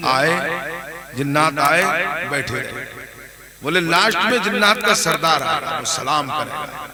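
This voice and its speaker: A male Islamic preacher from India telling a story in a sermon, chatting with his listeners and checking they follow, then swelling to emphatic raised calls. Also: high-pitched. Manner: conversational, keeps checking the audience understands; swings between hushed asides and raised, emphatic calls. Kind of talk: storytelling sermon at a religious gathering. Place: large religious gathering with a crowd.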